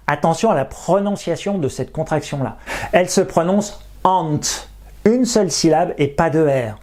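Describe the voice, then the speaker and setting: A teacher giving a beginner English lesson in clear, step-by-step explanations, slowing down to pronounce each English example carefully. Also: mid-range voice, a little mellow.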